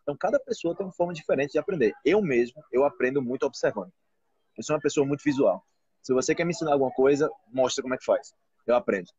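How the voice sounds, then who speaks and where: Here a Portuguese teacher and channel host, a Brazilian man in his thirties, talks at a quick pace with a medium pitch, lively intonation, and a darkish, breathy-edged tone. He chats casually and animatedly on a live video call from a restaurant interior, repeatedly asking "entendeu?". Captured on a close-held phone's front camera, the sound has no echo but its highs are cut off.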